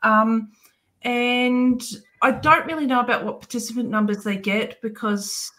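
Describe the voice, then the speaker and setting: A woman's voice: a little high, steady tone, a little slow, fairly bright tone. Chatty New woman, full of ums. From New Zealand. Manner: chatty, hesitant, many filler ums. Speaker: podcast co-host. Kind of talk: casual chat.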